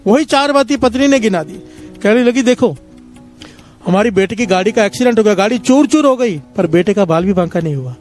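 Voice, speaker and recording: A man with a high-pitched voice preaches a devotional sermon, telling simple parables to the congregation. He keeps stopping to lead a call-and-response chant. Soft music sits faintly in the background. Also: lively intonation, brisk. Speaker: satsang preacher.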